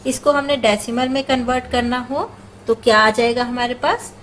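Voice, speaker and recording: A woman's voice: fairly high pitch, fairly even intonation, normal speed, slight background noise, low-quality recording. A woman teaching math, patiently walking through each step and answering her own questions, with number words mixed into her speech. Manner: patient, asks questions and answers them herself. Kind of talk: step-by-step classroom explanation.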